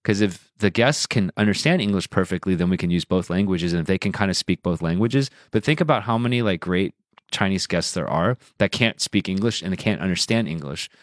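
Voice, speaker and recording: A low-voiced man co-hosts a podcast, talking a little fast in a rambling, casual way, packing in "like" and slipping into Mandarin. The studio sound is clean with no room echo.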